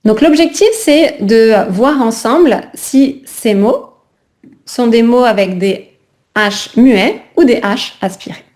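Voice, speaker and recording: A woman's voice: fairly high pitch, slow, a little mellow. Woman, French teacher, video call, frequent check-ins, explanatory. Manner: keeps checking in with "d'accord?". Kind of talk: online class teaching.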